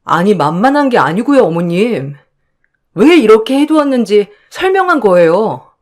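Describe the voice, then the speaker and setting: A woman's voice: mid-range voice, normal speed. A woman narrating her own story and voicing herself as a hurt, pleading wife. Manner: expressive, hurt and pleading in dialogue.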